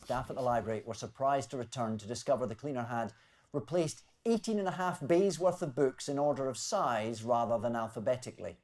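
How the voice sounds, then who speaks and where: A man hosting a comedy news quiz, reading scripted jokes with wry, deadpan timing. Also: mid-range voice, a little fast. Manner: wry, deadpan delivery of punchlines. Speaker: quiz show host.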